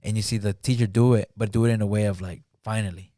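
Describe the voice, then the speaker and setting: A man chatting as a podcast guest in a fairly low, mellow voice, recorded dry and close. He talks in a halting, filler-heavy way. He keeps slipping into acted-out lines as he retells a film. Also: steady tone, no room sound. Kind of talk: casual podcast chat. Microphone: studio podcast mic.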